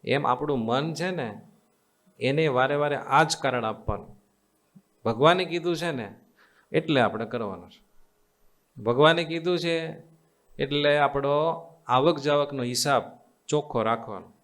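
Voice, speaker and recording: A man's voice: mid-range voice, a little slow, pauses often, a bit bright. A man with a Gujarati accent giving a devotional sermon as a swami, teaching in a coaxing, repetitive way and quizzing his listeners with call-and-response questions. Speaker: swami giving a religious discourse. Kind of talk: devotional sermon to a live assembly.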